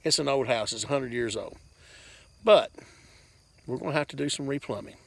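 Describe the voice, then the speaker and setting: This farm vlogger talks into a handheld camera outside on his farm, rambling casually through an update for viewers. He speaks plainly and folksily at a moderate pace, his medium-pitched voice carrying some vocal fry.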